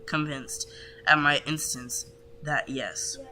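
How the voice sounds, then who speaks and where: A chatty, candid stream co-host who reads stories aloud and often trips over the words. The voice sits at a middle pitch. A steady hiss of noise runs under the whole recording. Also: takes it slowly. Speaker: livestream co-host. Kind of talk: casual chat, reading stories aloud.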